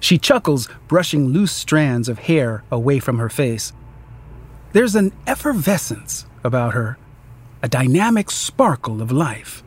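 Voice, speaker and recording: A man narrating a story in an unhurried, descriptive, expressive way. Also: medium pitch, breathy edge. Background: faint music.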